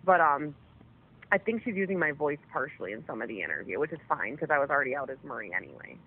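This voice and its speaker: This woman has a deep, husky voice with big pitch swings and a fast pace. She's the caller in a casual chat on a jail phone call, frequently swearing, and the narrowband phone line carries a lot of noise.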